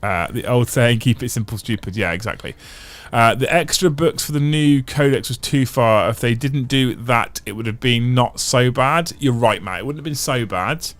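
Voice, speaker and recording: A livestream host with a mid-range, somewhat bright and expressive voice talks at normal speed with hardly any pauses and no echo. Chatty and casual, he reads viewer comments and thinks out loud at length, restarting and repeating phrases.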